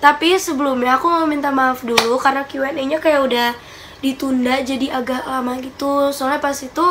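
Heavy background noise accompanies a young woman's casual Q&A vlog from her small bedroom. She speaks fairly quickly in a high voice, slightly stuffy-nosed from a cold, chatting and giggling with lively hand gestures.

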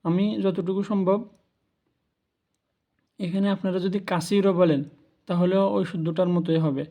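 A man talks through a language lesson at an unhurried, careful pace, repeating each word so learners can follow. His voice sits high for a man yet sounds mellow and soft-edged, and he keeps the tone patient and instructive throughout. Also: steady tone. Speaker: language teacher. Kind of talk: spoken lesson on Arabic pronunciation.

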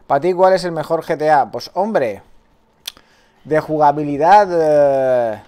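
A man's voice: a little high, measured pace, mellow. A man from Spain with a Spanish accent, streaming a game live, swearing often and chatting with his viewers. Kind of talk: live gameplay commentary.

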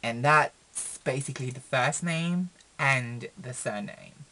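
A young man talks straight to his webcam from a small room, in a mid-range voice. His delivery is chatty and meandering, full of fillers, restarts and sudden expressive jumps in pitch. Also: slow. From Philippines. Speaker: vlogger. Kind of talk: casual chat to camera.

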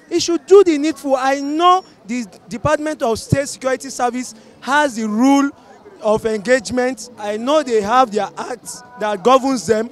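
Middle-aged Nigerian man, very high voice, orator-style vox pop on the street, handheld mic. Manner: emphatic, oratorical, repeats calls to action. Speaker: passer-by in street interview. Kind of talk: impassioned street opinion. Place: busy city street outdoors. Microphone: handheld mic held by interviewer.

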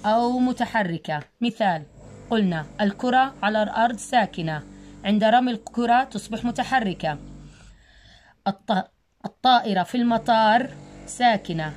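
A woman teacher giving a recorded first-grade science lesson, slowly repeating words and sounding them out for young children. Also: mid-range voice, darkish tone, slight background noise. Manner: slow, repetitive drilling of words with spelling. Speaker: primary school teacher.

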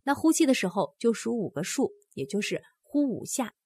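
A woman's voice: a little high, very animated, normal speed, a little mellow, breathy edge, no echo. A woman giving a scripted book-explainer narration, earnest and speaking straight to the listener with questions.

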